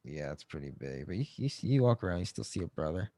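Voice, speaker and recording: Deep-voiced man, joking podcast host. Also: big pitch swings, quick pace, no room sound. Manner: joking, swears often, loud mock outbursts. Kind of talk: casual comedic chat.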